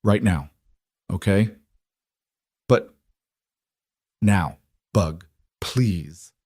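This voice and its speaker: A man's voice: low voice, extremely slow, a little mellow, slightly rough, no echo, clean studio sound, heavily acted. A man voicing an alarmed single father, urgent but controlled as he speaks.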